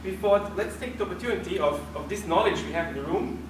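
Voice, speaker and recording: A man's voice: sits high, animated, fast. Hesitant man presenting in an echoey room. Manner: hesitant, many restarts. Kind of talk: group presentation. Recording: echoey room from far off with noise.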